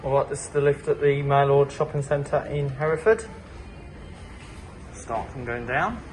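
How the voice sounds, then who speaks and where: A video host offers casual, short observational remarks on location inside lifts and shops. His mid-range voice has fairly even intonation and a measured pace, picked up by a distant camera mic in an echoey space with music behind.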